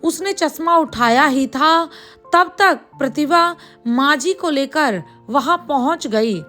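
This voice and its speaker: A woman narrates a bedtime moral story in a gentle, measured way. Her voice is high and her pace is slow and easy. Soft music plays faintly behind her. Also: expressive.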